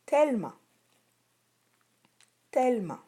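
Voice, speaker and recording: A woman teacher with a Québécois French accent giving a slow spelling dictation to young children, patient and over-articulated, lingering on each word. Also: on the high side, big pitch swings, mellow, breathy edge.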